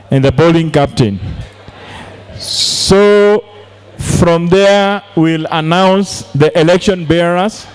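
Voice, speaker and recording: A man's voice: fairly high pitch, darkish tone. A man chairing a formal meeting, hesitantly running through the agenda step by step.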